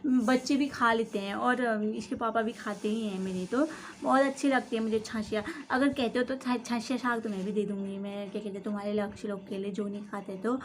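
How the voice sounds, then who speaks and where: A woman with an Uttarakhand accent chats away in a comic gossip role-play, slipping in fillers and tag words constantly. Her voice sits a little high. A faint hum of ambience runs behind her. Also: fairly even intonation, brisk. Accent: Uttarakhand Hindi. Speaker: comedy vlogger.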